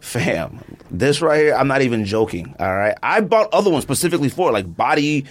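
A middle-aged man hosts a podcast, chatting casually with an ad read mixed in, speaking briskly in a mid-range voice. He's an animated, laughing storyteller who keeps insisting, "I'm not even joking."

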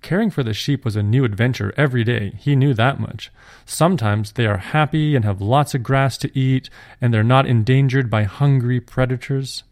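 Male storyteller, gravelly voice, gentle measured read-aloud, dry close recording. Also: mid-range voice, no room sound. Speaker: storyteller and podcast host. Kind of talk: scripted story narration.

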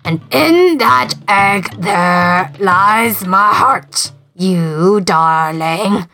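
A woman voicing a gruff, slow-talking male giant in a storybook reading, stretching out his words. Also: animated, bright, forceful tone, faint music behind, exaggerated voice. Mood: confiding. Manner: slow, booming, drawn-out words.

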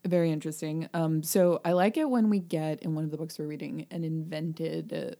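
A woman's voice: sits low, fairly even intonation, a little fast, warm tone. A woman co-hosting a casual book podcast, chatty and thinking aloud with frequent ums. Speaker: podcast co-host.

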